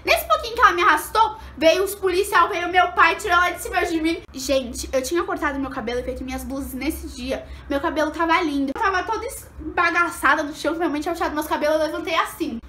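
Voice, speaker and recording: Young female vlogger, high bright voice, rapid storytelling, small echoey room with faint ambience. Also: a little hiss or hum. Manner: animated, acts out quotes with big pitch jumps. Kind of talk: storytime vlog.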